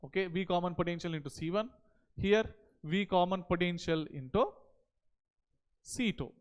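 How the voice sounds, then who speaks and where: A man's voice: high voice, normal speed, smooth. A man in his thirties with an Indian accent, lecturing at a board as a teacher and often checking in with short questions and tag words. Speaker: physics teacher. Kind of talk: board lecture to exam students. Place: indoor teaching studio at a digital board. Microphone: headset.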